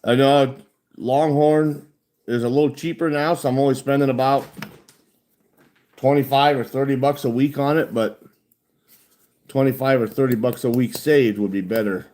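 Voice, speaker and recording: A man's voice: mid-range voice, fairly even intonation, normal speed, pauses often, darkish tone, slight background noise. A man, chatting bluntly and profanely with a lip full of chewing tobacco. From United States. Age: 40s. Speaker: livestreamer chatting with viewers. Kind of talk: casual chat.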